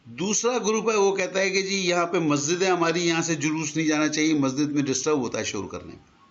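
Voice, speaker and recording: A man's voice: on the high side, faint music behind. Patient older man teaching grammar. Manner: patient, explains with examples, mixes in English words. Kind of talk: conversational lesson. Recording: dull lo-fi recording.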